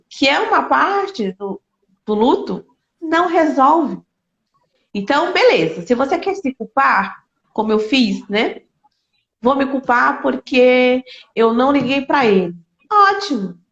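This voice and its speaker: A fairly high, earnest woman in a roomy room. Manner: earnest, emotional, repeats phrases for emphasis. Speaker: speaker sharing a personal grief story. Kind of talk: heartfelt conversational talk. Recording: roomy, slightly dull sound.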